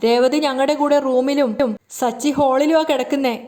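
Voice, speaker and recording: A woman's voice: high-pitched, steady tone, moderate pace, darkish tone, in a large hall, close to an everyday voice. A woman voicing a timid middle-aged mother who frets and speaks fearfully. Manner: fearful, fretting.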